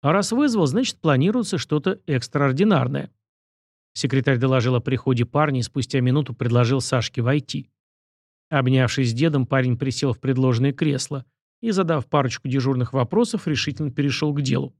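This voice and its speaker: A man narrating an audiobook in an even storytelling manner. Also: mid-range voice, fairly quick, dry recording, clean studio sound. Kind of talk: scripted narration.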